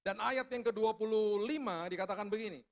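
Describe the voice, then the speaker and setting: A middle-aged man preaching a sermon as pastor, telling a story and swinging from hushed lines to shouted ones. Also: high voice, brisk.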